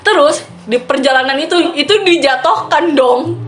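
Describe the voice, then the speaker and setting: A young woman with a Jakarta accent tells stories casually, in animated, slangy South Jakarta gossip style. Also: high-pitched, normal speed, soft background music. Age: young adult.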